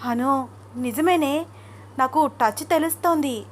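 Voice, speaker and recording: A woman's voice: sits high, slow, slight background noise, pitched above the performer's own voice. A woman voicing a young husband who dotes on his wife and worries easily, in an eager, fussing tone. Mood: worried.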